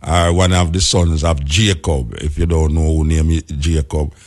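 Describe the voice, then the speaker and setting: A man's voice: extremely low pitch, steady tone, moderate pace, darkish tone. A man with a Jamaican accent talking in Rasta speech with Patois grammar, explaining things emphatically and repeating key phrases.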